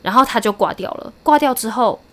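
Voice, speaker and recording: A woman's voice: on the high side, animated, brisk, pushed and bright. A woman in her thirties with a Taiwanese Mandarin accent, telling a story in casual chat, acting out the other side's lines and laughing often. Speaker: podcast co-host.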